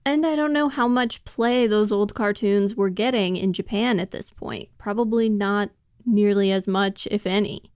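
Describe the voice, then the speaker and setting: A woman's voice: mid-range voice, moderate pace, darkish tone, clean tone, dry recording, clean studio sound. A woman co-hosting a casual podcast discussion, explaining things in detail and laughing often as she talks. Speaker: podcast co-host.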